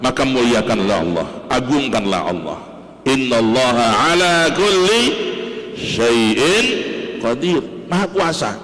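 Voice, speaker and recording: A man with a Javanese accent giving a morning sermon in a large mosque, talking in an animated way, repeating key words and addressing the listeners directly. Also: mid-range voice, measured pace. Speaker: preacher. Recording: echoey mosque hall with long reverb.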